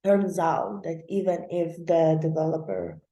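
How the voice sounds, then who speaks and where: A woman's voice: sits low, fairly even intonation, unhurried, mellow. Chatty woman host in an echoey room. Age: young adult. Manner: chatty, loose, many fillers and laughs. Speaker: channel host. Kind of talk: casual explainer talk.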